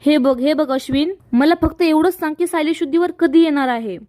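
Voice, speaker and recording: A woman's voice: high voice, fairly quick, mellow, no room sound, studio quality, close to an everyday voice. A woman voicing a caring middle-aged mother who speaks firmly and soothingly.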